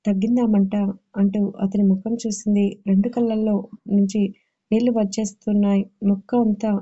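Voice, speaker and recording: Mellow woman narrating a story. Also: medium pitch, flat delivery, brisk, muffled recording.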